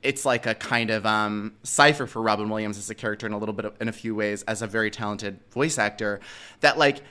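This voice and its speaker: Casting: male co-host, sassy and camp, bright forward voice, emphatic slangy delivery for casual film chat. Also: fairly low pitch, quick pace, smooth.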